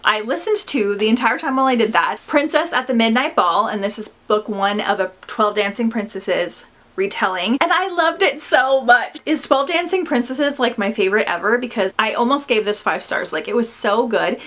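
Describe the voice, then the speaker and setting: A woman's voice: on the high side, expressive, normal speed, fairly bright tone. A woman giving a chatty, gushing book review in a casual vlog style, enthusiastic and informal, often saying "like". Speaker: book vlogger.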